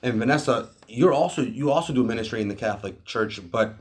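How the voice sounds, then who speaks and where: A man hosting a faith podcast in a studio, chatting conversationally and reading quotes slowly. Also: medium pitch. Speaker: podcast host. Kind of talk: casual podcast chat.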